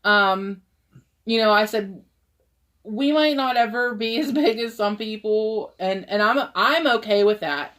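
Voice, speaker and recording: A woman co-hosting a paranormal live stream, chatting in a relaxed, loose way. She fills her talk with "um" and "like" and breaks into laughter often, like someone among friends. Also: mid-range voice, a little slow. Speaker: paranormal investigator, co-host. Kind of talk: casual live-stream chat.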